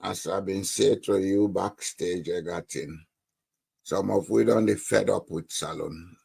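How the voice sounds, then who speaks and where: A man with a Sierra Leonean accent and a gravelly, raspy voice gives his views as a panelist in an informal political discussion. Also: low-pitched, fairly even intonation, a little slow, darkish tone. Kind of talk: informal political talk in Krio mixed with English.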